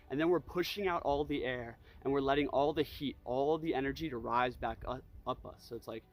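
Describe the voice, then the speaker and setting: A breathwork and energy practice instructor leads a casual demonstration, guiding with repeated cues in an easygoing manner. His mid-range voice runs a little fast, and his loose phrasing is peppered with "you know," "like," and "right?"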